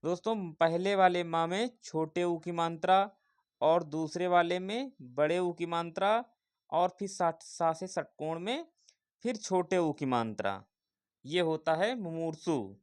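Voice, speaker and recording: A man's voice: a little high, expressive, slow, clear, resonant tone. A man teaching an exam-prep spelling lesson, repeating each word and asking viewers questions.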